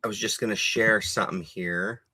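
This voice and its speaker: Low, bright-voiced man chatting casually. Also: moderate pace. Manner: relaxed, rambling, swears casually. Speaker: co-host. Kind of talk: casual livestream chat. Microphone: video call.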